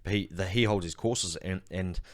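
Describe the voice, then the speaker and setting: Aussie guy on a podcast, super low voice, rambles, keeps restarting sentences. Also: dry recording. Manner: rapid, rambling, many restarts and fillers. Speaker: podcast co-host. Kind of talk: casual chat.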